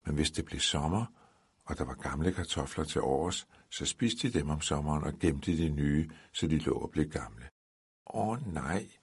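A man reading a Christmas story aloud in a calm, dry storytelling manner. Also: extremely low pitch, slightly rough.

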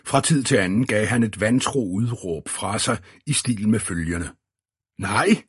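A man reading an audiobook in a steady, even scripted narration. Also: on the low side, husky, no room sound, clean studio sound.

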